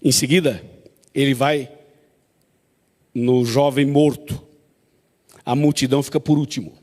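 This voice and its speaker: A man's voice: mid-range voice, steady tone, measured pace, darkish tone, big-room sound. A man preaching a sermon, emphatic and repetitive, often asking the congregation to agree.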